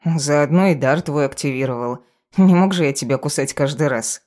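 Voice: mid-range voice, normal speed, darkish tone, close to an everyday voice. A reader voicing a self-important male talking cat familiar who grumbles and lectures his mistress in an audiobook. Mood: bossy, lecturing. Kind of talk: audiobook character voice.

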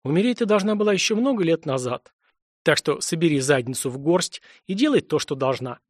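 A tough young woman, wary and glum, grumbling about her troubles, as a male reader puts her on. The voice sits a touch high and close to the mic, with a dry sound. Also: animated, a little fast, no echo. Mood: grim.

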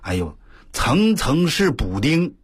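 An older man on the radio telling a story in a folksy, animated way, full of exclamations and drawn-out emphasis. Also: fairly high pitch. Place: radio studio.

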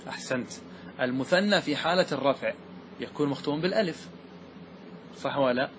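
A man teaching grammar, asking the class questions and slowing down to stress key words. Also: mid-range voice, animated, fairly bright tone, a little hiss or hum. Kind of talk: classroom lesson explaining verse.

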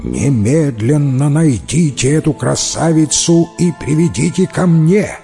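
A man's voice: mid-range voice, huge pitch swings, moderate pace, gravelly, long reverb tail, soft background music. A man voicing a doting, easily fooled emperor in a storybook tale, speaking in an imperious, commanding way. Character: doting, gullible old-world male emperor. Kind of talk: storybook reading.

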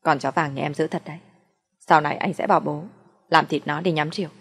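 A woman voicing a young man, a gentle boyfriend who teases and comforts in a soft, reassuring way. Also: deep voice, fairly even intonation, quick pace, breathy edge, big-room sound. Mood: coaxing.

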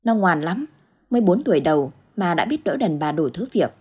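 Woman, husky voice, low pitch, scripted ghost story narration, measured. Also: very animated, warm tone.

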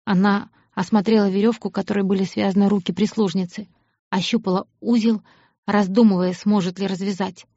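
A woman reading scripted audiobook narration in a measured, expressive way. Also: medium pitch, no room sound. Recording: dull lo-fi audiobook recording.

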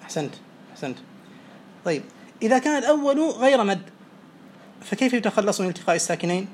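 A man teaching Arabic morphology, quizzing students and briskly praising each answer. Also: high-pitched, very animated. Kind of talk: oral quiz lesson. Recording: faint background noise.

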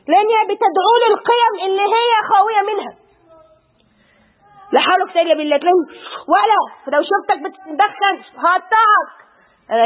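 A middle-aged woman with an Egyptian Arabic accent giving an Islamic lesson, fervent and full of pious exclamations. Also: very high voice. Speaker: religious teacher. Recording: tinny phone-like audio.

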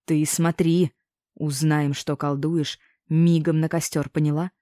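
A woman voicing a gruff, hostile village man who scolds and threatens loudly. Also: low-pitched, flat delivery, measured pace, dry recording, studio quality. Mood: threatening. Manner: rough, scolding, shouting threats.

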